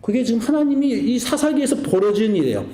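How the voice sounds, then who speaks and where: A man in his forties preaching a sermon as pastor, animated and acting out family quarrels in quoted voices. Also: very high-pitched, fast talker, roomy sound.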